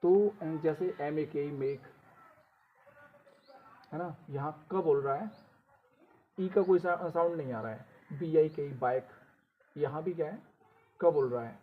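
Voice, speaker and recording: Male teacher, patient repetitive delivery, slightly high pitch, phone-quality recording. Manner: explains slowly, repeating rules with question prompts. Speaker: English teacher. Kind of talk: classroom-style lesson. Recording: tinny phone-like audio with faint noise.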